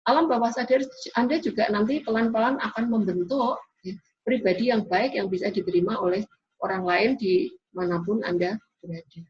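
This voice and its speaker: A woman's voice: mid-range voice, moderate pace. Woman lecturing in a dull lo-fi recording. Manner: explanatory, repeats "ya" often. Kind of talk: classroom lecture.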